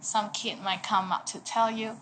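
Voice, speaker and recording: A woman's voice: mid-range voice, flat delivery, normal speed, fairly bright tone. A young woman teaching a language lesson, chatty and lighthearted, with a light laugh in her talk. A faint hiss of noise sits under her voice. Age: 20s. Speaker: Cantonese teacher.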